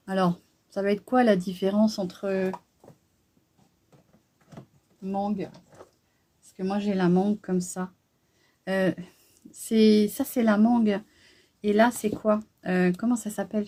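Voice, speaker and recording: A woman's voice: mid-range voice, mellow. A middle-aged woman chatting casually through a beauty haul, hesitant and full of fillers. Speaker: beauty vlogger.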